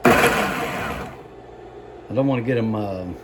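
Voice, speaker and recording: Halting, low-voiced man giving a casual cooking demo. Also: heavy background noise. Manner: halting, unhurried, folksy explaining. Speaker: home cook presenting a recipe.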